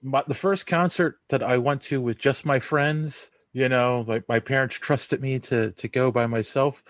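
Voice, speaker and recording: A man in his forties hosts a laid-back podcast from a video call. He rambles comfortably and laughs often. His middle-pitched voice sounds close and dry. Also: fairly even intonation, measured pace, no room sound. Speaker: podcast host. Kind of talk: casual chat. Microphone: recording over a video call.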